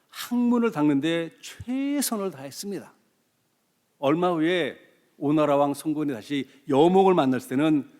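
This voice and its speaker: A man's voice: fairly high pitch, darkish tone, big-room sound. A man in his sixties, a pastor giving a sermon, telling stories earnestly and asking the congregation rhetorical questions. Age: 60s. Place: church sanctuary.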